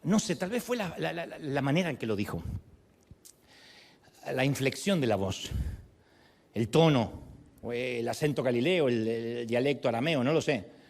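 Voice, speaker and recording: A male pastor preaching a sermon, telling the story with animated storytelling and acting out the people he quotes. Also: medium pitch, moderate pace, creaky, long pauses.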